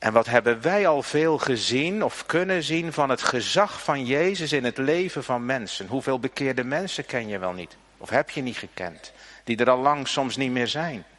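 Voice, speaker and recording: A man's voice: medium pitch, expressive, normal speed, a bit bright. A middle-aged man preaching a sermon, earnest and emphatic, speaking directly to his congregation with repeated phrases and tag questions. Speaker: pastor.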